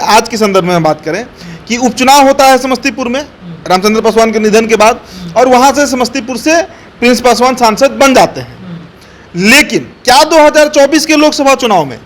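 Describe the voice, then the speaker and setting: High-pitched man giving political commentary. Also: lively intonation, fairly quick. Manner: assertive, explains step by step with many fillers. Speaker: political analyst.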